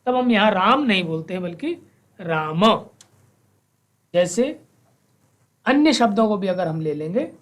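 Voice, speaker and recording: A woman teaching a school lesson, reciting verses slowly and explaining how to pronounce each word. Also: mid-range voice, lively intonation. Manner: slow, measured recitation of verses; explains pronunciation, mixing Sanskrit and Hindi. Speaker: Sanskrit teacher.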